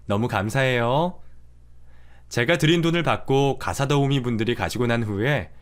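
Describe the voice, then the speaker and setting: Man narrating a story, lively pitch. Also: a little fast. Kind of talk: scripted first-person story narration.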